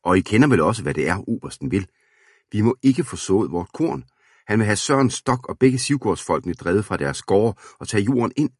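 Storybook young peasant man, urgent and pleading, read by a man, husky, dry sound. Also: fairly low pitch, animated, no echo, pitched above the performer's own voice. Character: young male peasant farmer, eager and hot-headed.

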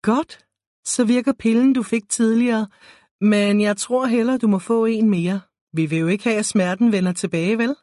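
A woman's voice: a little high, fairly even intonation, mellow, no room sound, clean studio sound, pitched above the performer's own voice, close to an everyday voice. Woman voicing a sweet, coaxing young nurse.

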